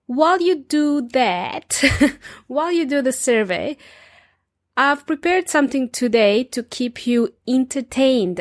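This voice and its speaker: A woman with a fairly high voice hosts an informal podcast for English learners. She talks chattily and directly to her listeners, explaining in simple terms, on a very dry, close recording. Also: no room sound. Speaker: podcast host and English teacher.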